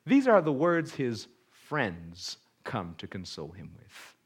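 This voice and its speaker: Lively, dramatic male preacher. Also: medium pitch, slow pace, slightly rough. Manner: dramatic scripture reading, swinging from loud to hushed; conversational, acts out quotes. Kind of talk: sermon.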